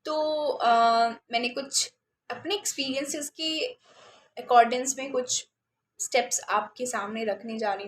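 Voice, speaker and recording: A woman's voice: fairly high pitch, reverberant, a little hiss or hum. A woman, a special educator explaining reading steps in a patient teaching talk, often checking in with her listeners.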